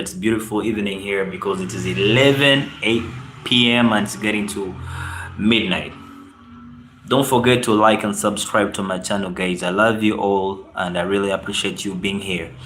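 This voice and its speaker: A man's voice: lowish voice, a bit bright. A man from Uganda with a Ugandan accent, chatting casually on a live stream, greeting viewers and reading out their comments. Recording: roomy echo.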